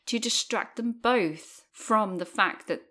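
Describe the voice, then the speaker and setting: A woman, co-hosting and chatting casually, animated and full of fillers. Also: medium pitch, slow pace. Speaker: podcast co-host. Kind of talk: casual chat recapping a TV episode.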